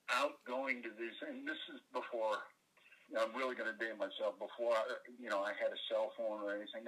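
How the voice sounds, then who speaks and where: A man's voice: lowish voice, sharp tone, poor audio. A middle-aged man from Michigan, an actor guest telling a rambling anecdote and acting out the voices of people in it. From Michigan, USA. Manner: rambling storyteller, acts out quoted voices. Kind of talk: casual anecdote in an interview.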